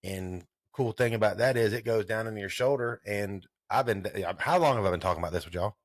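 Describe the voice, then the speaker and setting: A man's voice: lowish voice, a little fast, no echo, studio quality. Laid-back profane man in his thirties. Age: 30s. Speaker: podcast host. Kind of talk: casual sports chat.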